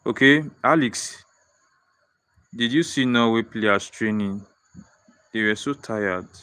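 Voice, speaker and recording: This young Nigerian host of a live football fan stream has a fairly low, smooth voice and takes his time. Responding to viewer comments, he gets excited, says things twice and keeps starting over.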